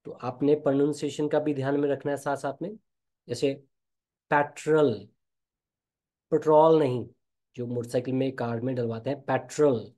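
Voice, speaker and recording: A man with an Indian accent teaching a spoken English lesson, explaining slowly and repeating example phrases. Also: medium pitch, flat delivery, mellow.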